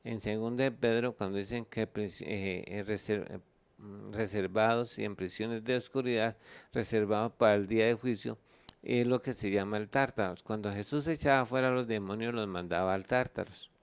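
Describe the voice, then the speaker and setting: Smooth-voiced pastor teaching the Bible. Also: male voice, on the low side. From Colombia. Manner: explains at length, reads scripture aloud, pauses to look up verses.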